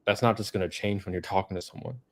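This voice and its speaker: A man's voice: deep voice, steady tone, fast. A man hosting a casual livestream Q&A, reading viewer comments aloud in a laid-back way. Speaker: livestream host.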